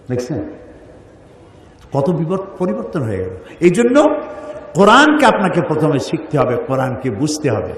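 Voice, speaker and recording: A man preaching a sermon with fervent emphasis, asking the crowd questions and chanting sacred verses. His voice sits a little high and comes from some distance off the mic. It rings through a long, echoey hall over faint background noise. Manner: emphatic, rhetorical questions, chanted Arabic recitation.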